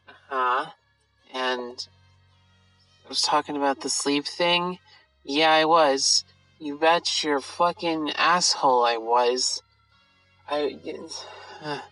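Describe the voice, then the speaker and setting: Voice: mid-range voice, pushed and bright, no echo, poor audio. A tired person confiding troubles in a rambling, self-deprecating audio journal, casual and sweary, recorded on a phone. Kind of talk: rambling late-night confessional monologue.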